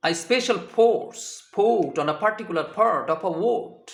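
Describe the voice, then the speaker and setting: A man's voice: high voice, lively intonation, extremely slow, gravelly, reverberant. A man teaching English vocabulary, who spells words out letter by letter and translates each example. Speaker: English tutor. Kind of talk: slow deliberate vocabulary lesson.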